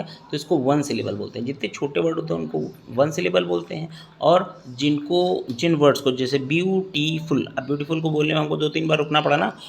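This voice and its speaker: A man's voice: on the high side, vocal fry, a little hiss or hum. A man in his thirties with a Hindi accent, teaching an English grammar lesson to students. He is patient, repeats key points and checks in with the class often.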